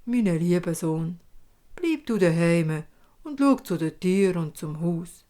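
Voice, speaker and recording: Wise old father, played by a Swiss German woman, slow, soft and reassuring. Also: fairly low pitch, lively intonation. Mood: calm. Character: calm older father, gentle and wise.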